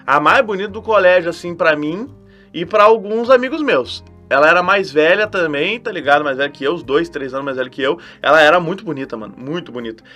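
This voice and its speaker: A young man with a southern Brazilian gaúcho accent, hosting a podcast and telling a self-mocking story in animated, profane slang. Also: on the high side, fast, faint music behind. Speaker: podcast host. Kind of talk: casual storytelling monologue.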